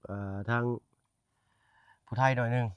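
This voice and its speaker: A man with a northeastern Thai Isan accent narrates a casual outdoor vlog in a village, talking at normal speed. He chats with the people he meets and calls his viewers brothers and sisters. The sound is dry with no room echo, and his voice sits at a distance from the mic.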